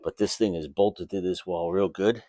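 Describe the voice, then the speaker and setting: A man's voice: low voice, fairly even intonation, normal speed, mellow, a little hiss or hum. A man giving a casual, plainspoken demonstration in a home garage workshop, talking informally while he works. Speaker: DIY video host.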